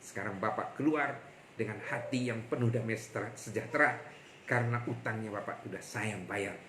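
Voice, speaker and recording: A man's voice: on the low side, fairly quick, background noise, natural voice. A man voicing a male bank director, curt and commanding when throwing someone out, then humble. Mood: gentle. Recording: echoey room with faint ambience.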